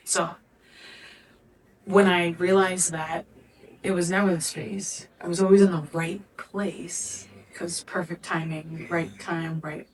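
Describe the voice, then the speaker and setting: A woman's voice: on the low side, far from the mic, poor audio. Earnest woman talking through her story. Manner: earnest, loose and searching, dropping to a near whisper on quiet moments. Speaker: interview guest, studio founder. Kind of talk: reflective conversational storytelling.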